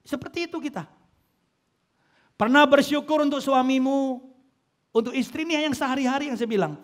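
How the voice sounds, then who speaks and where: A man's voice: very high voice, normal speed. A male pastor preaching a sermon in a joking, conversational way, acting out the voices of the people he talks about. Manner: animated, acts out quoted voices of churchgoers.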